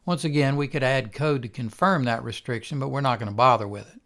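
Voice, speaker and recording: An older man instructor giving a calm, methodical recorded programming lecture. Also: medium pitch, quick pace.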